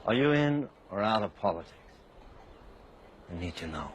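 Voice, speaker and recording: An actor playing a party official who urges in a measured, persuasive way. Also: male voice, lowish voice, big pitch swings, slight background noise, rough recording. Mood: pressing. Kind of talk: film drama.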